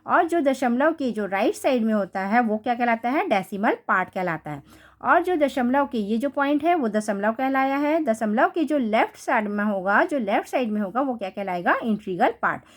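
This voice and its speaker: A woman's voice: a little high, animated. Woman teaching math, rhetorical questions. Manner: reads English definitions slowly, then explains with repeated rhetorical questions. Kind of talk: classroom lesson explaining.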